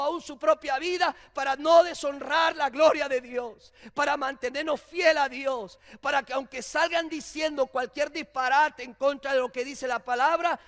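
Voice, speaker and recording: A man preaching a sermon as a pastor, swinging from hushed low phrases to shouted calls. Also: in a large hall. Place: church sanctuary.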